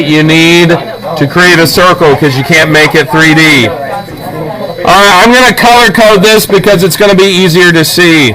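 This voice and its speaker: In a classroom full of students and background chatter, an art teacher with a fairly high-pitched voice leads a practical drawing lesson one step at a time. He asks brief questions to check understanding, and the audio quality is poor.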